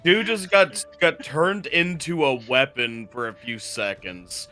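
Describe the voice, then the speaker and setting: Excited player dude, bright voice going up and down a lot, faint music. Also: male voice, on the high side, slow pace. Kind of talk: casual tabletop game chat.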